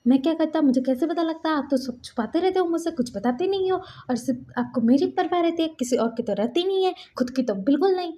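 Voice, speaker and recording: A woman voicing a young man who scolds his injured lover with anxious, high-pitched questions. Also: animated, moderate pace, mellow. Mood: worried scolding.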